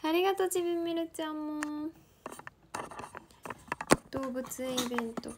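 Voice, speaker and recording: A young woman with a high voice talks at an easy, leisurely pace. She chats casually with her stream viewers from her family home. She keeps softly coaxing her dogs to settle down. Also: unhurried. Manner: chatty, reads out viewer comments and coos softly at her dogs. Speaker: livestream host. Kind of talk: casual livestream chat.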